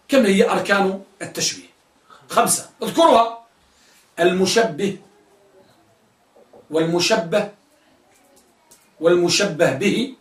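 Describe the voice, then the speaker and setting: A male teacher giving a classroom lesson, questioning students and drilling their answers. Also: sits high. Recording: echoey room, mic at a distance.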